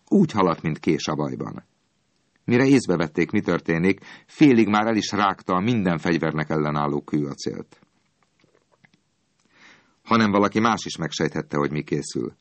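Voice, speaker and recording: A man tells a storybook tale in an expressive, dramatic way. His voice sits very low. The recording is dry and close, with no room sound. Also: dry recording. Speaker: narrator. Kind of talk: storybook reading.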